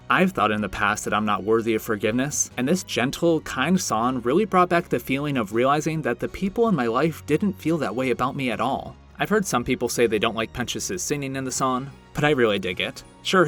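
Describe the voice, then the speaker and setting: An earnest man delivers scripted video-essay commentary in a reflective, gently self-deprecating way. His voice sits at an ordinary middle pitch. Soft music plays faintly beneath him.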